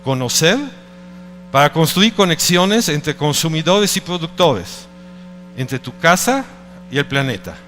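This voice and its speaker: A man's voice: a little high, sing-song, unhurried, fairly bright tone, big-room sound, soft background music. A middle-aged man from Italy with an Italian accent, giving a conference talk in a hesitant way, often restarting and searching for words. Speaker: speaker at a conference. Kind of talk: presentation talk.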